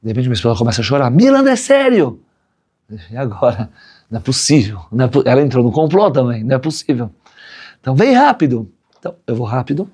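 Rabbi, husky mid-range voice, chatty storyteller, keeps checking in with his listeners. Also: mid-range voice, warm tone. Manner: chatty, checks in with "right?" tags. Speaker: rabbi teaching a class. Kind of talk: conversational Torah lesson with a story.

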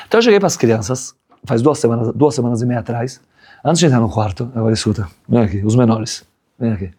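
A man's voice: medium pitch, quick pace, warm tone. A man, a rabbi giving a chatty Torah class, often checking in with his listeners. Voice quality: husky. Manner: chatty, checks in with "right?" tags. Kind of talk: conversational Torah lesson with a story.

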